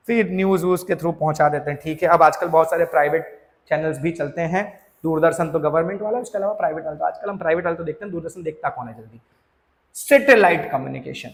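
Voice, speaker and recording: A man's voice: high-pitched, gravelly, in a large hall. A man teaching a school social science lesson, explaining in a chatty, informal way and mixing in English terms. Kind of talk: classroom lecture.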